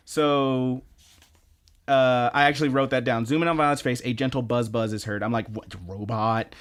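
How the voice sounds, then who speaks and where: A man chatting on a podcast as he recaps anime episodes. He rambles, loose and animated, and jumps into excited voices when he quotes someone. His voice sits at an ordinary middle pitch. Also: moderate pace, clean tone. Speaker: podcast co-host.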